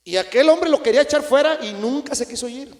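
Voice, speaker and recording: A man with a very high voice preaches a fervent sermon. He rises to sudden cries, then drops to low asides to his brothers in the congregation. The church hall rings with a long echo around him. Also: fast. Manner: impassioned, swings between shouts and low asides, addresses "hermanos" often. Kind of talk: Pentecostal sermon. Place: church sanctuary.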